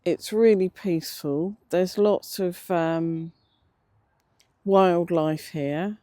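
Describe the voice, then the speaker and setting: An older English vlogger talking casually and reflectively outdoors, pausing often, with slightly slurred, toothless-sounding words. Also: medium pitch, steady tone, mellow, dry recording, studio quality. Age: middle-aged or older. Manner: hesitant, reflective, with many pauses. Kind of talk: casual unscripted vlog narration. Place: outdoors, sitting in a cemetery beside a road.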